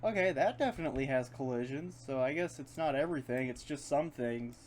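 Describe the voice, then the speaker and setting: A man's voice: medium pitch, a little fast, a little mellow. A man giving casual, unscripted gameplay commentary, rambling and thinking aloud as he plays in his room. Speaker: gaming video host. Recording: running fan noise behind voice. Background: fan hum, keyboard and mouse clicks.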